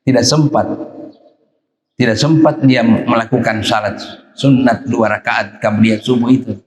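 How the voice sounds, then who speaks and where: A man of middle pitch gives a dawn sermon in a mosque, pressing his points by repeating short phrases. His voice rings through a large, echoey hall with a long reverb tail. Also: fairly even intonation, measured pace, a little mellow. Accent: Indonesian. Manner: emphatic, repeats phrases, acts out quoted voices. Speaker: preacher.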